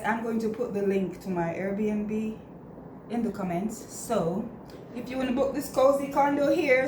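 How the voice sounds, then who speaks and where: A Jamaican woman in her middle years vlogs from a home kitchen, talking at an unhurried pace with playful, teasing humor. The room is echoey, with steady noise behind her. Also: fairly high pitch. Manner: playful, laughing, teasing banter. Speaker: vlogger and Airbnb host. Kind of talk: casual kitchen vlog chat.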